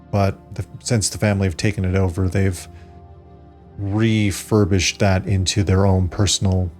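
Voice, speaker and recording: Low-voiced man narrating as game master over music. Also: a little mellow. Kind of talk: game master narrating a tabletop role-playing game. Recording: background music under the voice.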